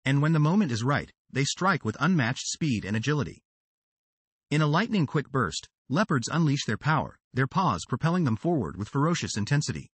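A man's voice: medium pitch, very animated, a little fast, breathy edge, no room sound. A man narrating a wildlife documentary script with a dramatic, sweeping delivery.

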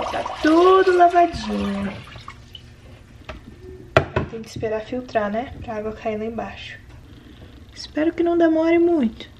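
A woman's voice: fairly high pitch, background noise. A young woman from Brazil chatting casually to the camera in a home vlog, still out of breath after the gym. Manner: chatty, talks to camera and coos to her baby. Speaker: vlogger.

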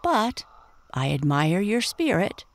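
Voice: mid-range voice, very animated, slow pace, voice pushed up. A storyteller voicing a pompous, bossy old male frog in a bedtime story, talking in a lofty, lecturing way. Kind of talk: storybook character voice.

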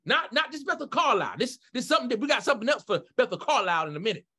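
Brief: male pastor, fervent church sermon, voice swoops widely in pitch, sanctuary sound. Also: racing, breathy edge. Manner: singing then preaching with rising fervor, lively pitch. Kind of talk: sermon with sung opening and altar call.

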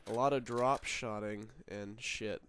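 A man's voice: lowish voice, steady tone, a little slow, fairly bright tone. A young man with a nasal voice from a cold, rambling casually over game footage with lots of fillers and swearing. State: sick, nasal. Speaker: gaming commentator. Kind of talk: casual gameplay commentary. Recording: noisy with game gunfire behind. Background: game gunfire.

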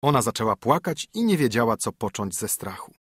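Guy reading a fairy tale audiobook, husky voice, dry close sound. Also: mid-range voice, sing-song, no echo. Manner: measured, storytelling. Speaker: audiobook narrator. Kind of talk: scripted fairy tale narration.

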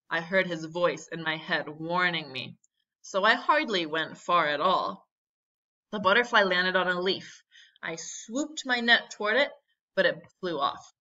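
A woman's voice: lowish voice, bright, forceful tone. A woman teacher reading a children's book aloud with expression, stopping to explain and ask questions. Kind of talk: read-aloud storytime with questions. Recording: muffled lo-fi audio.

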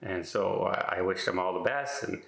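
Middle-aged man, casual rambling storyteller, bright voice, echoey room. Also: low-pitched, normal speed, creaky. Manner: rambling, many filler words and restarts. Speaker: vlogger.

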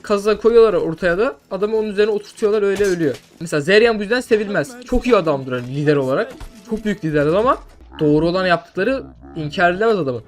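A young man commentating a sword-fighting game, rambling through made-up lore and breaking into loud swearing outbursts. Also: high voice, animated, rapid-fire. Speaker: gameplay streamer. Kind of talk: casual gameplay commentary with mock lore. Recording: faint music behind.

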